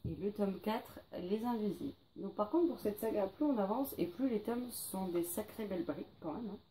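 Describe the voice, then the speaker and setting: Female book vlogger, mellow and relaxed, chatty with fillers; light background hiss. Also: medium pitch, normal speed. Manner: chatty, lists titles with many fillers. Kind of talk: casual to-read pile presentation.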